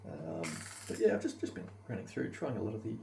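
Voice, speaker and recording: Fast and expressive, this man's fairly low voice carries vocal fry. As a headphone reviewer and gamer, he chats in a rambling, casual way about gear and gameplay, pausing to think aloud. A distant mic gives a roomy sound with faint background noise.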